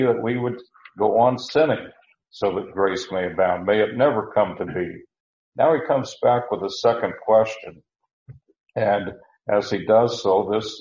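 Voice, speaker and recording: A man teaching verse by verse through a Bible passage, unhurried, with many fillers and restarts. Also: on the low side, darkish tone. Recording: roomy, dull lo-fi recording.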